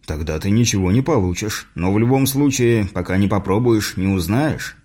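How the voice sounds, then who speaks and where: A man voicing a patient male mentor in an audiobook, explaining things in a measured way. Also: on the low side, expressive, a little mellow. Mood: instructive.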